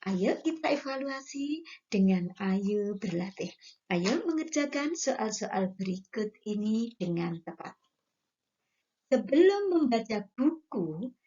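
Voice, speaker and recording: A woman teacher with a medium-pitched, somewhat dark voice reads exercise questions aloud, then supplies the answers. She goes slowly and carefully, as in an unhurried classroom lesson. The recording sounds lo-fi.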